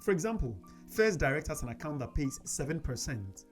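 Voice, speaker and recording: A man's voice: on the high side, very animated, fairly quick. A man hosting a personal finance video, talking casually to camera with frequent "you know" fillers. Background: faint background music.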